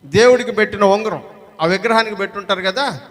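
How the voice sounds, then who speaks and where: A man preaching as a pastor, asking the congregation questions, pressing for loud replies and slowing down on key words. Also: high-pitched. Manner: slows down to stress key words. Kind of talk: sermon. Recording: long hall reverb.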